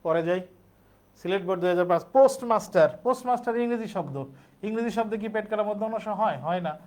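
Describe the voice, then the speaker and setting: A man's voice: high-pitched, fast talker, a little mellow. A man teaching a spelling lesson, explaining step by step and answering his own questions.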